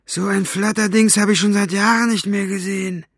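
A man reading aloud and voicing a brutal, bullying male henchman who barks contemptuous threats in a raised, higher voice. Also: little pitch movement, brisk, creaky, a bit bright, dry recording, clean studio sound, full character voice. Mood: threatening.

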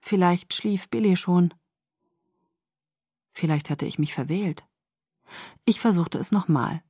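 A woman narrating a first-person story in a calm, measured audiobook reading. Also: lowish voice, husky, no echo, clean studio sound.

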